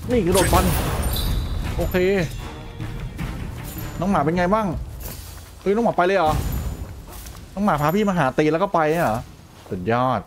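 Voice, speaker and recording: A man hosting a gaming channel, giving chatty, playful let's play commentary with excitable outbursts during fights. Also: high voice, normal speed, long pauses, faint music behind. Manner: playful, chatty banter with in-game characters.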